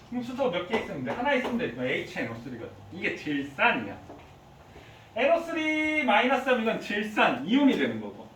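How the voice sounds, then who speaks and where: A man teaching high school chemistry in a classroom, quizzing his students with frequent questions. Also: fairly bright tone. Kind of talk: classroom lecture. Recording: echoey classroom from far off, faint hiss.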